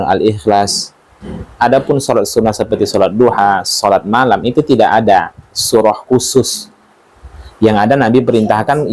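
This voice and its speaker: A man teaching a religious study class, talking informally, joking and asking his listeners questions. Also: fairly low pitch. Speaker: Quran teacher.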